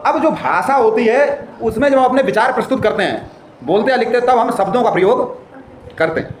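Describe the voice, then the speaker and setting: A man's voice: very high-pitched, lively intonation, a little fast, a faint crowd. A man teaching a grammar lesson. He explains with everyday examples and asks questions as he goes. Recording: echoey room with faint noise.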